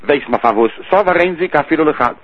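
Working through a passage of a traditional religious text, a man teaches in a sing-song study rhythm and keeps repeating key terms. His slightly rough voice is on the high side, fast, with lively intonation. The audio has a tinny phone-line quality.

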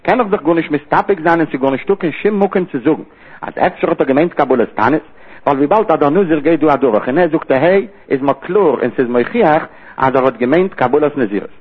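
A man's voice: fairly high pitch, animated, fast talker, slightly rough. A man teaching a Talmud study lecture, explaining in short repeated phrases. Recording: tinny phone-like line.

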